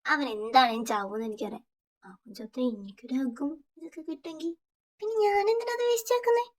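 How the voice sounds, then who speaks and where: Woman voicing a crying young man, stammering, pleading, high-pitched, storybook retelling. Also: brisk, lightly acted. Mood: sulky. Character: heartbroken young man sobbing over a friend.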